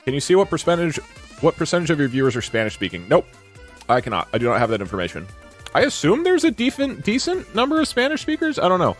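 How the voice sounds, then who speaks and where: He talks fast in a fairly high voice, with faint music in the background. The streamer, on a desk mic at a green screen setup, reacts to viewer comments casually and animatedly, rambling with lots of restarts and fillers.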